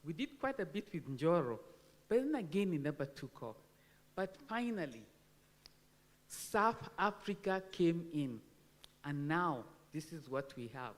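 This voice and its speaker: A woman's voice: deep voice, sing-song, measured pace. A Kenyan woman in her sixties giving a candid, emphatic, informal speech, with speech shaped by missing front teeth. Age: 60s. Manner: candid, self-deprecating, emphatic. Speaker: agricultural research speaker. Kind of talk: informal speech at a launch event. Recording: long hall reverb on microphone.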